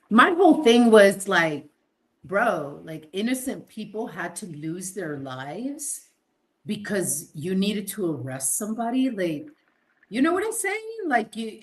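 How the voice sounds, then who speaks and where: A woman co-hosts a podcast in loose, casual chat, her pitch bouncing widely. She talks at an unhurried pace, often restarting her sentences and dropping in swears. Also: poor audio. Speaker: podcast co-host.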